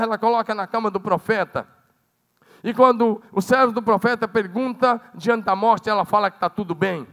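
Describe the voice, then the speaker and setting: A Brazilian Portuguese-speaking man preaching a sermon as pastor, swinging dramatically between loud calls and hushed, low passages. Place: church sanctuary. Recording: long church hall reverb.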